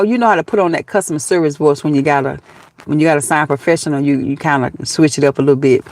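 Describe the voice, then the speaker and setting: On a live stream, a Southern-accented woman in her fifties from Georgia, USA, chats casually with viewers, her voice sitting low. She laughs a lot and calls them honey and baby.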